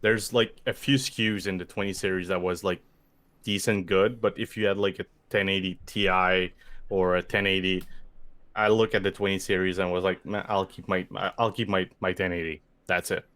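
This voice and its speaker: A man's voice: low-pitched, level tone, normal speed, a bit bright. A man co-hosting a podcast in casual chat, rambling and filling his talk with "like". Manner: rambling, heavy use of "like"; reads out viewer donations. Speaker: podcast co-host.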